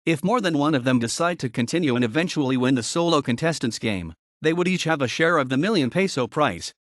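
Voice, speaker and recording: Higher-voiced man reading informational narration. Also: lively intonation, fairly quick, dry recording, studio quality. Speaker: narrator reading an encyclopedia article. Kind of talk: scripted informational narration, read aloud.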